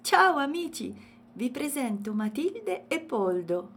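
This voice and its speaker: A woman's voice: high voice, sing-song, takes it slowly, a bit bright, a little hiss or hum, voice pushed up, heavily acted. A woman voicing a friendly young male elephant calf in a children's storybook, cheerful and playful.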